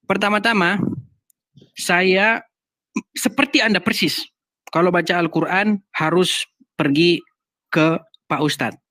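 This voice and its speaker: A man's voice: high-pitched, takes it slowly, pauses often, pushed and bright, no echo. A man hosting a heated online debate, speaking insistently and repeating his challenge, from Indonesia. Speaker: debate host.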